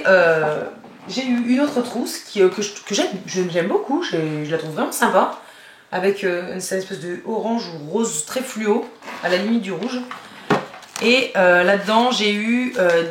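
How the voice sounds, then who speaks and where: A woman's voice: medium pitch, unhurried. A young woman vlogger chatting casually about gifts, rambling and giggling, with many fillers. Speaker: beauty vlogger. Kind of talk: casual haul chat. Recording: echoey room with faint noise.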